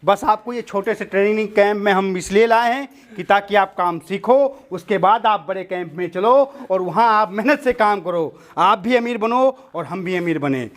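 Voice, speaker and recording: A man's voice: high voice, moderate pace, few pauses. A man playing a smug, mock-polite gang boss in a comic sketch, making a welcome speech.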